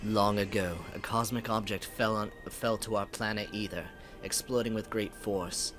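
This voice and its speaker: Solemn male alien sentinel, read by a man: slow, formal, low-pitched, over game music. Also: fairly even intonation, close to an everyday voice. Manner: slow, measured, grave delivery.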